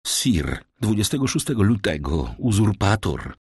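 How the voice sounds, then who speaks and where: A man's voice: on the low side, sing-song, unhurried, a little mellow, husky, no echo, clean studio sound, full character voice. A man voicing a despairing male minister of police who pleads and stammers before his king. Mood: pleading.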